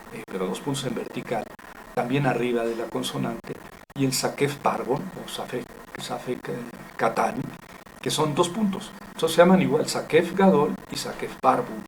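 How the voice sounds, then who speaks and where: A man teaching Biblical Hebrew in a recorded lecture, explaining deliberately with frequent fillers and self-corrections. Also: mid-range voice, slight background noise, rough recording.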